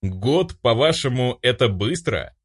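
Male narrator as a cheeky young man, brash, animated. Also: mid-range voice, measured pace, breathy edge. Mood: indignant. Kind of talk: audiobook character voice.

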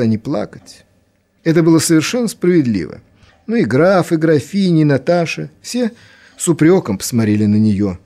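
A man giving a spoken lecture on literature, reading passages aloud and commenting in an unhurried way with small fillers. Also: medium pitch, dark tone.

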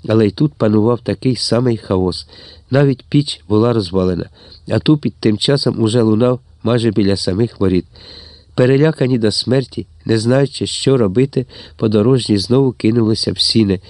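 A man narrating a story as an audiobook reader, steady and tense. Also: lowish voice, fairly quick, dry recording, clean studio sound. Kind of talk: scripted narration.

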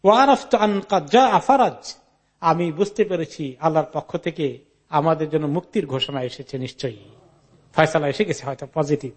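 A man with a high voice delivers a Quran commentary lecture. He recites Arabic narration and explains each part. He retells the story in the first person and mixes English words into his speech. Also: normal speed, slightly rough.

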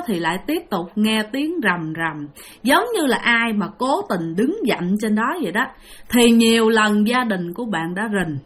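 A woman's voice: on the high side, fairly bright tone. A woman with a Southern Vietnamese accent narrating a ghost story in a chatty way, often speaking directly to her listeners. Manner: chatty, addresses listeners, heavy filler particles.

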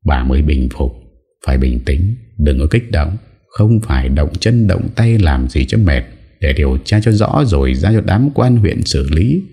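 A man voicing an older master of the house who speaks in a soothing, measured way. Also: very deep voice, sing-song, mellow, breathy edge, exaggerated voice. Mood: calming.

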